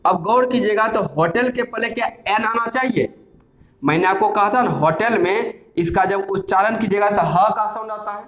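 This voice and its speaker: Male tutor, high voice, asks and answers his own questions, slightly dull echoey recording. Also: a bit bright. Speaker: English grammar teacher. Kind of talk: Hindi grammar lesson with slow-read English sentences.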